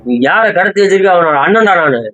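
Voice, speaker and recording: A man's voice: high voice, expressive, fast, dry recording, highs cut off, soft background music. A man playing a hot-headed man demanding his kidnapped brother back, blustering and exasperated. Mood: blustering angry. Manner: shouting threats, blustering and exasperated. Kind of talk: comedy skit acting.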